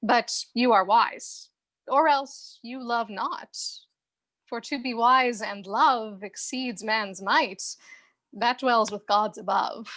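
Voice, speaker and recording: A woman's voice: on the high side, slow pace, a bit bright. An actress playing a witty young woman in love, flustered and laughing between lines of stage verse.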